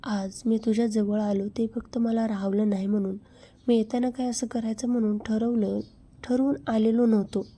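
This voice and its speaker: A brazen, pushy man, as a woman reads him in a story, insistent and coaxing. The voice is dark and mellow, with a flat, level melody. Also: fairly high pitch, normal speed, close to an everyday voice.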